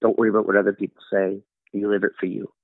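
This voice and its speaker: A middle-aged Canadian man, an interview guest, earnestly tells stories and acts out quotes in his conversational answers. His lowish voice is level and very fast, coming through a dry, tinny, phone-like line with no echo.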